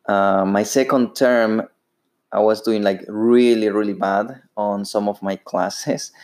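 Speaking slowly in a fairly low, steady, slightly mellow voice, this Spanish-accented podcast host is a man in his thirties from Ecuador. He runs the show solo, unhurried, often using fillers and starting over.

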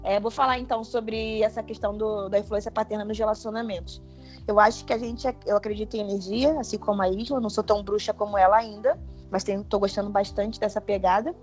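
A woman in casual chat, frank and measured, trailing off softly at times. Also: mid-range voice, fairly even intonation. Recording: dull lo-fi sound with faint music.

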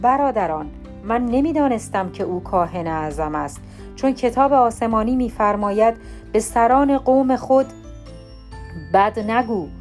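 A woman reading the lines of the apostle Paul, a steadfast and outspoken man on trial, in an earnest, measured way. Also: fairly high pitch, lively intonation, darkish tone, faint music behind, close to an everyday voice.

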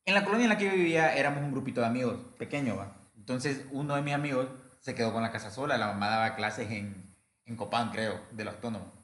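A man's voice: medium pitch, fast talker, fairly bright tone, reverberant. A young man, telling a crude, slang-filled story as podcast co-host. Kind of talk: casual storytelling chat.

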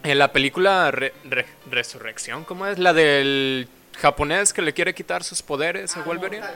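A man in a casual chat, talking slowly with hesitations. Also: a little high, bright, forceful tone, soft background music. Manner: slow, deliberate, hesitant. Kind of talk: casual chat among friends.

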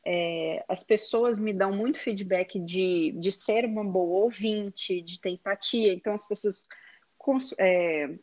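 Guest, woman, 30s, Minas Gerais Brazilian accent, casual and hesitant, mid pitch. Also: unhurried, a little mellow. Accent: Brazilian Portuguese, Minas Gerais. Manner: chatty, hesitant with many fillers. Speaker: guest, digital influencer. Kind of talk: casual interview chat.

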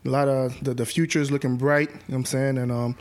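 A man hosting a casual podcast chat, reacting with quick, encouraging remarks. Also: mid-range voice, level tone. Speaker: podcast host.

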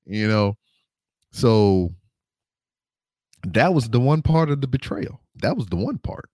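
A man's voice: medium pitch, expressive, slow, darkish tone, dry recording, studio quality. A man guesting on a podcast, telling a story in a casual, slangy, profane way into a desk microphone on camera.

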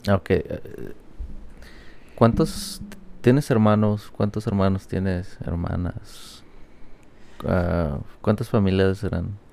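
A man chats casually and asks questions. His voice is very deep and gravelly, and he takes his words slowly. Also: fairly even intonation, warm tone. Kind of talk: casual chat.

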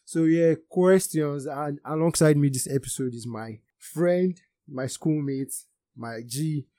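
A man's voice: on the high side, measured pace, dark tone, no room sound. A young man with a Nigerian Yoruba accent hosting a casual podcast. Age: young adult. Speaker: podcast host.

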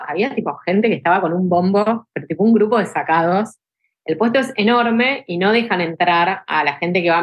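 A young adult woman from Argentina with a Rioplatense accent speaks as a podcast guest. She tells stories in a casual, emotional way, filling her talk with "tipo" and "este", at a middle pitch. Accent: Rioplatense Spanish. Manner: animated, emotional, full of fillers like "tipo" and "este". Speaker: ultra trail runner guest.

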